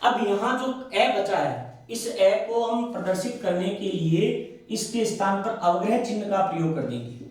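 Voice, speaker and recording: Recorded from far off in a heavily echoing room, a high-pitched, slightly mellow male teacher with a Rajasthani Hindi accent explains Sanskrit grammar. He questions himself and supplies the answers, lingering slowly on key sounds.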